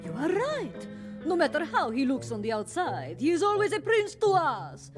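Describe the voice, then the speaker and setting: An affectionate cartoon mother from a spooky world. Her voice is high and animated, cheerful and encouraging, with music behind it. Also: moderate pace. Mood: doting.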